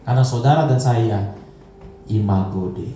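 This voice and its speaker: Storytelling pastor in an echoey hall. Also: male voice, mid-range voice, moderate pace, a little hiss or hum. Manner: lively storytelling, acting out quoted voices. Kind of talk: sermon. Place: church hall. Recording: echoey church hall, mic from a distance, faint music.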